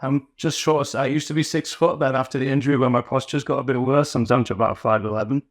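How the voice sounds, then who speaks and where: A podcast guest from Newcastle, England, with a mixed northern English accent, tells his story in a relaxed, casual chat, frequently restarting sentences. He's a fast talker with a mid-range voice, recorded at studio quality with no room sound.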